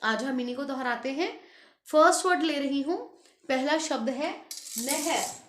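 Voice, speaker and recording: Slow, high-voiced woman teaching in an echoey room. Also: lively intonation. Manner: patient, addresses pupils as beta, stretches out example words. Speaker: school Hindi teacher. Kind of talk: online grammar lesson.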